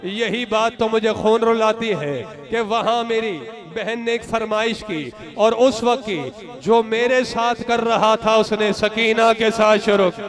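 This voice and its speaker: A man giving an impassioned mourning sermon, declaiming emotionally and calling out directly to the mourners in an assembly hall. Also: extremely high pitch. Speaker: religious orator at a mourning gathering. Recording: crowd of mourners audible behind. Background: crowd noise.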